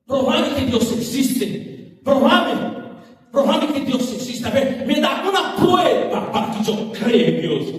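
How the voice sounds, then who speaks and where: A man's voice: very high voice, sing-song, takes it slowly, voice pushed up, full character voice. A man voicing a scornful male atheist who demands proof, in a taunting, insistent way, heard in an echoey hall from far off. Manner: taunting, insistent, shouted challenge.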